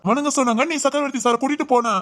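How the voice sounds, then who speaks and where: A stern policeman husband, acted by a man, rattling off scolding lines at a brisk clip. His tone is mock-stern, with quick teasing comebacks. It plays out as an audio drama. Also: very high voice, steady tone, fairly bright tone.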